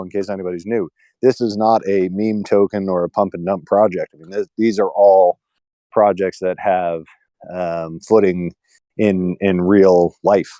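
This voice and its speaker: A man's voice: sits low, warm tone, no room sound. A man co-hosting a casual club call, speaking hesitantly with frequent restarts. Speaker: co-host.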